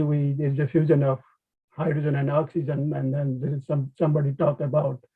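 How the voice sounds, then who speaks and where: A male conservation biologist with a Nepali accent gives an informal academic webinar talk over a video call, the audio thin and phone-like. His slightly high, raspy voice comes out haltingly, with hesitant phrasing and frequent restarts.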